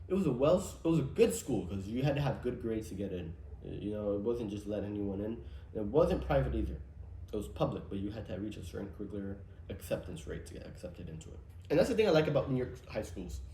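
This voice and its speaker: Mellow-voiced man rambling in a roomy space. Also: medium pitch, a little hiss or hum. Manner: rambling, profane, conspiratorial asides. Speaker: podcast host. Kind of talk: solo casual podcast monologue. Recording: roomy echo, faint ambience.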